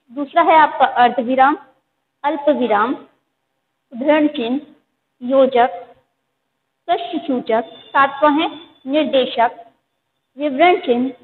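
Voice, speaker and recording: A woman teacher giving an online class to children, explaining patiently and often calling on the children. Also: high voice. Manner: explains slowly to children, repeats and addresses them often. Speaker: Hindi teacher. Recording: tinny phone-like sound with long reverb.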